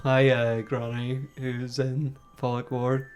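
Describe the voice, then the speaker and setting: A young man hosting a casual podcast chat, blunt and quick to laugh. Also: mid-range voice, completely flat delivery, darkish tone, soft background music. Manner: laughing, blunt, swearing reactions. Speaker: podcast host.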